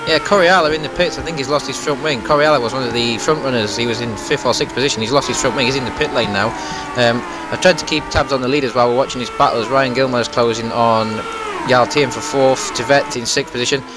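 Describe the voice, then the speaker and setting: A man's voice: mid-range voice, fast talker, over music. A man giving live motorsport race commentary.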